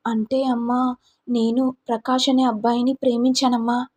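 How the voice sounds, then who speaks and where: A woman's voice: fairly high pitch, little pitch movement, normal speed, darkish tone, slightly rough. A woman voicing a timid, trusting young daughter who answers hesitantly and pleadingly, in a storytelling recap. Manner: hesitant, pleading, ends lines with "amma".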